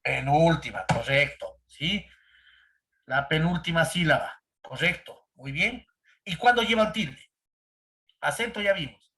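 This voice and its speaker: A male teacher leads a grammar lesson over a computer mic. His voice sits a little high for a man, and he keeps checking in with his students and tossing questions at them. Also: lively intonation, unhurried, sharp tone. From Ecuador. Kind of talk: online grammar class.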